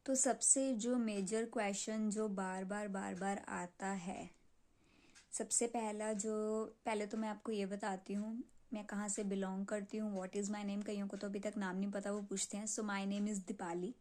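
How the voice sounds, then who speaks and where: Mixing Hindi and English, a young Punjabi clay-selling video creator talks informally to her subscribers in a North Indian accent, repeating phrases to stress them. Her voice is medium-pitched and a little mellow, with little pitch movement and an unhurried pace.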